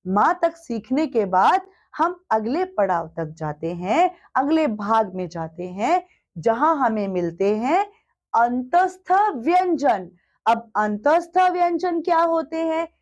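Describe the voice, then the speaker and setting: Slow, patient woman teaching children. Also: on the high side, very animated. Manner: slow, patient, drawn-out sounding of each letter; asks the children questions and answers them herself. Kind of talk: Hindi alphabet lesson for children.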